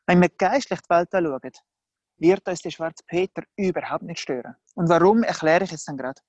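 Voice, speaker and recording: A preacher giving a sermon in a lively, conversational way, often acting out the people in the story. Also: mid-range voice, brisk, no echo, highs cut off. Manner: lively, conversational, acts out the characters.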